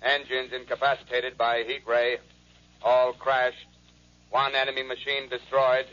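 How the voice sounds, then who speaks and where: A man's voice: mid-range voice, monotone, unhurried, bright, forceful tone. An actor playing a male military radio operator in a 1930s radio drama, calling stations in clipped, terse reports. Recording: dull lo-fi 1930s radio recording.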